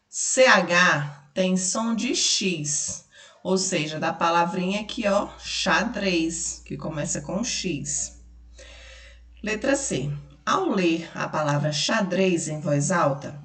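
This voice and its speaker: A woman's voice: mid-range voice, recorded from a distance. A woman with a Brazilian Portuguese accent teaching a remote lesson for children, patiently explaining, spelling out letters and asking questions. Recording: echoey room, voice from off mic.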